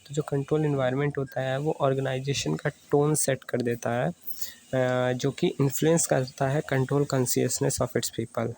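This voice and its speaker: A man tutoring students on an audit syllabus, reading English lines slowly and explaining them in quicker Hindi. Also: medium pitch, vocal fry, darkish tone, rough recording.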